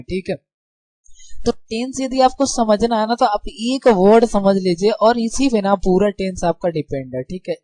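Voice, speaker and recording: A man's voice: sits high, mellow, no room sound. Friendly male teacher asking rhetorical questions. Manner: keeps asking rhetorical questions and checking with the listener; friendly and informal with students. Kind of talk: casual classroom explanation.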